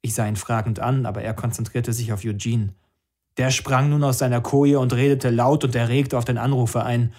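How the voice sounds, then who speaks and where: A man's voice: mid-range voice, fairly even intonation, brisk, darkish tone. Dry male audiobook narrator. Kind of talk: first-person story narration.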